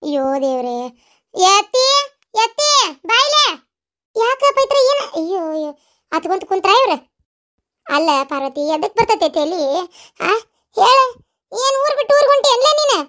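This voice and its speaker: A woman's voice: extremely high pitch, sing-song, moderate pace, pauses often, pushed and bright, heavily acted. A woman voicing fussing, consoling village relatives in a comedy cartoon, with a North Karnataka Kannada accent. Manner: scolding, consoling, folksy. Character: fussing family elders and relatives.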